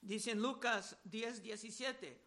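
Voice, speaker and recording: High-voiced bright male preacher. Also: slow pace. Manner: reads scripture aloud and explains it, repeating key words. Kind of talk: verse-by-verse Bible teaching.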